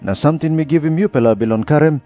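A man with a Papua New Guinean accent playing an earnest prophet who preaches deliberately in a dramatised scripture reading. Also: fairly high pitch, warm tone, no room sound, faint music behind, close to an everyday voice. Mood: gentle invitation. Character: Jesus, earnest preaching prophet addressing crowds.

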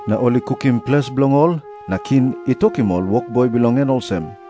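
A man's voice: medium pitch, brisk, over music, lightly acted. A man with a Papua New Guinean accent playing a teacher telling parables in a dramatised scripture reading. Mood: storytelling. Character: Jesus, an adult male teacher telling parables. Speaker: voice of Jesus in an audio Bible.

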